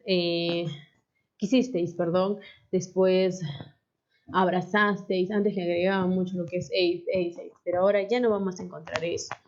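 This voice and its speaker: Mellow woman teaching a class. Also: fairly low pitch. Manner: patient, asks questions and tags "¿no?" often. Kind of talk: explaining a lesson to a class. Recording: dull lo-fi recording.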